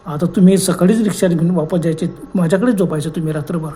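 A man's voice: on the high side, fast, warm tone, close to an everyday voice. A man voicing an older village passenger who keeps asking questions and coaxing the travellers to stay the night. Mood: curious. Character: older male village passenger, kindly and curious.

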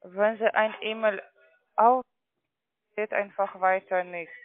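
Faint music plays behind a male call centre agent as he slowly pitches trading accounts over a narrow, muffled phone line. He isn't a native speaker, his first language isn't German, and his phrasing is ungrammatical. His high voice keeps fairly even intonation.

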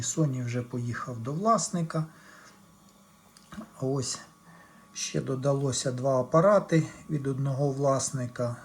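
This electronics repair vlogger has a slightly mellow, mid-range voice and explains his hands-on fix to viewers step by step, casual and plainspoken. His home-made video recording carries clear noise.

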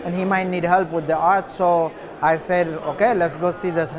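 A man in his forties from Ethiopia, an artist answering interview questions in a relaxed, unhurried way with many filler pauses, recorded indoors in a cafe. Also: high-pitched, a crowd in the background.

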